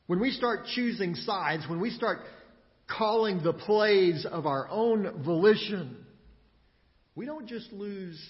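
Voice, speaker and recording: A male pastor preaching slowly and emphatically, his fairly high voice swinging widely in pitch. His lines land in rhythmic repeated phrases. The sound is a little dull and carries a long hall reverb. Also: lively intonation. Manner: emphatic, rhythmic repetition with dramatic pauses. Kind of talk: sermon.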